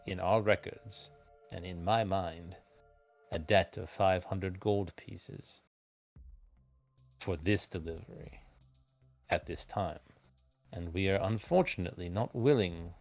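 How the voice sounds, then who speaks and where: A shrewd merchant who speaks slowly and formally, as a man voices him, his voice low and deep. He does not budge on a debt, with faint music behind. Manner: measured, formal and unyielding. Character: shrewd businesslike male merchant collector.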